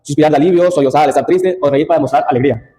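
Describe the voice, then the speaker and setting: A man's voice: a little high, very fast, dark tone, rough recording. A young man giving a class presentation, reading from his slides with restarts and asides. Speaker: student presenter.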